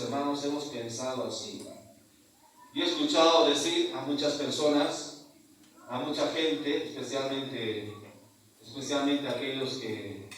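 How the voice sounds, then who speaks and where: A man, a priest, preaching a sermon at mass, asking rhetorical questions and adding tag questions, slowing to stress key words. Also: mid-range voice, a little hiss or hum. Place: large church. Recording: very echoey church from far off.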